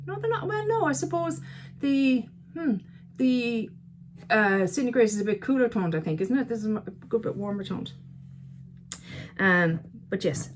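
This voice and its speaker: Chatty woman, lowish voice. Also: darkish tone, a little hiss or hum. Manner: chatty, self-mocking, talks to herself. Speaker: beauty vlogger. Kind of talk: casual chat to camera. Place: at home by a counter.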